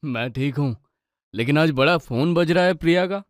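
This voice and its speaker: Storybook husband: low, put-upon grumbler, a woman voicing him, dry studio sound. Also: normal speed, no echo, close to an everyday voice. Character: weary grumbling husband, adult man.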